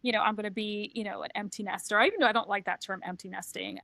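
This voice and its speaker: A middle-aged woman from Trinidad and Tobago co-hosts a casual podcast, where she works as a transition coach and tells her own story candidly and reflectively. Her medium-pitched voice is gravelly, bright, and forceful, with fairly even intonation and a quick pace. There is no room sound.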